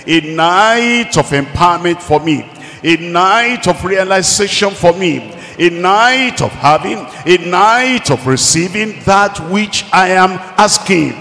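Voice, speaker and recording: A man delivers a sermon as pastor, with a slightly high voice and unhurried, emphatic phrasing. He leads call-and-response and repeats key lines. His voice rings out with a long reverb, as if in a large church hall. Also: expressive, bright, forceful tone.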